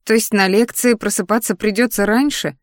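A woman's voice: mid-range voice, steady tone, a little fast, no echo, studio quality, pitched above the performer's own voice, close to an everyday voice. A woman voicing a young, stubborn heroine in a fantasy audiobook, wry and grumbling.

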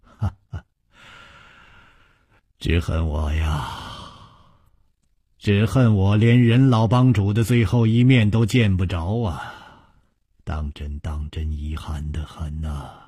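A male storyteller reading as a proud, level-headed swordsman in a spoken story. The voice is low and husky, slow and measured, in a dry close sound. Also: mellow, dry recording, full character voice. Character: calm, proud young swordsman hero. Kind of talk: storytelling broadcast.

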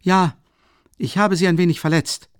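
A man's voice: sits high, steady tone, normal speed, clear, resonant tone, no room sound, clean studio sound, pitched above the performer's own voice, close to an everyday voice. A man voicing an earnest, eager young man in an audiobook, a bit flustered. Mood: embarrassed. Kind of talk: audiobook character reading.

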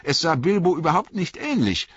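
A man's voice: a little high, very animated, fairly quick, a bit bright, slightly rough, no echo, pitched above the performer's own voice, heavily acted. A man reading an audiobook, voicing a young, earnest male hobbit who is anxious and eager. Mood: puzzled. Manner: eager, rising and pleading. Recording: dull lo-fi audiobook recording.

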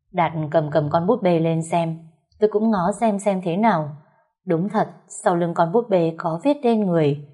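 A woman tells a first-person family story in a dramatic, emotional way. Her voice sits low and mellow, soft at the top.

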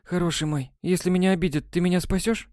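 A man's voice: sits high, fairly even intonation, quick pace, darkish tone, no room sound, clean studio sound, pitched above the performer's own voice, close to an everyday voice. A man doing a coy, teasing schoolgirl.

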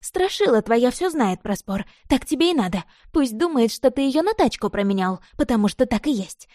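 Female reader doing a high, shrill jealous girl, desperate and spiteful, mellow dry voice, storybook. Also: very animated, moderate pace, no echo. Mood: heated, pleading. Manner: shrill, pleading then furious.

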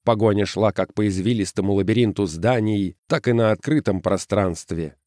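Low, dry-voiced male audiobook narrator. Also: no room sound. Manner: steady, measured storytelling. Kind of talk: scripted narration.

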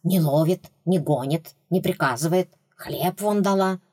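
A woman's voice: on the low side, unhurried, a little mellow, breathy edge. A woman voicing a brash, distrustful second ghost rat who talks bluntly and stubbornly. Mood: suspicious.

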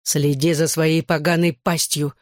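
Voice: mid-range voice, steady tone, a little fast, dry recording, studio quality, close to an everyday voice. An audiobook reader voicing a hot-tempered teenage boy who speaks curtly, with a snarl. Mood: angry. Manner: curt, snarling.

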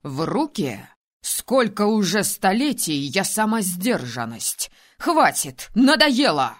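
A woman reading an audiobook and voicing a hoarse, furious male ruler who shouts and snaps. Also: sits low, expressive, measured pace. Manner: shouting, snapping, biting.

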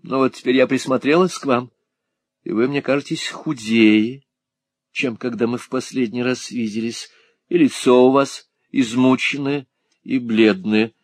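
A man reading an audiobook, voicing a small, lively, lonely spinster painter who talks in a fussy, excitable, teasing way. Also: medium pitch, unhurried, no room sound, studio quality, natural voice. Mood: concerned. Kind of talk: audiobook character voice.

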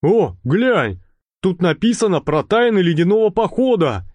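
A man's voice: high voice, unhurried, no room sound, voice pushed up. Guy doing a clueless gang guy, hesitant, a bit raised, storybook voice. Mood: unsure. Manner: hesitant, easily excited. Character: adult male gang member, gullible and unsure. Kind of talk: audiobook character voice.

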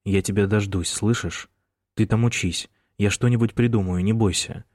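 A man reading the part of a desperate young male prisoner in an audiobook, speaking in hushed, urgent pleas. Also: lowish voice, fairly even intonation, normal speed, dry recording, clean studio sound, lightly acted. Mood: pleading.

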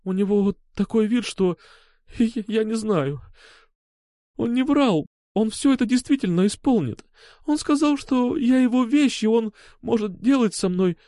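A man's voice: high voice, sing-song, normal speed, dark tone, no echo, studio quality, pitched above the performer's own voice. A man reading an audiobook, voicing a frightened young woman who speaks through tears and pleads. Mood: frightened pleading. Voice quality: tearful, pleading.

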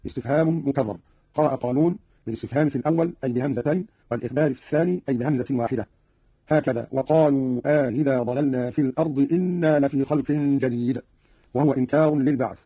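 Fast, husky male radio explainer. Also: medium pitch, no room sound. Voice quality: precise, even, formal delivery. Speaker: radio presenter explaining recitation readings. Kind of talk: formal scripted explanation. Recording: dull dry archival radio recording.

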